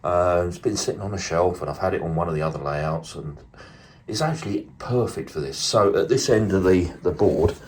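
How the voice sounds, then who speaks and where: A man casually talking through his model railway build, relaxed and rambling with lots of fillers, recorded indoors at a table. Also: low-pitched, a little fast, slight background noise. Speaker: model railway hobbyist host. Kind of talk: casual workshop vlog. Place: indoors at a dining room table layout.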